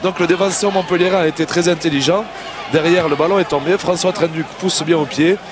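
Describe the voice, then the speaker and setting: A fairly high-voiced man analyses a rugby match live as co-commentator. He explains the play in halting phrases, with a big stadium crowd loud behind him. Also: fairly even intonation, background noise.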